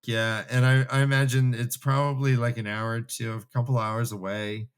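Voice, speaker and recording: With a medium pitch, level tone, normal speed and clean sound, a man co-hosts a podcast re-reading fantasy books. The talk is a casual, meandering, imaginative book discussion.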